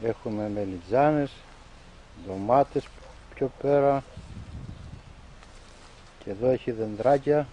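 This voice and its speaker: A man outdoors in a garden, filming on a handheld camera, calling and coaxing a pet in a raised voice, then quietly showing the garden. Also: mid-range voice, pauses often, highs cut off, a little hiss or hum. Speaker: pet owner filming his dog and garden. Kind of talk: casual home video commentary.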